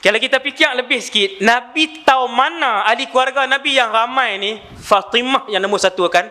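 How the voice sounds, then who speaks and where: High, bright-voiced male preacher. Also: brisk. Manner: animated storyteller, asks audience rhetorical questions. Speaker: Islamic preacher. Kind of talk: live religious lecture.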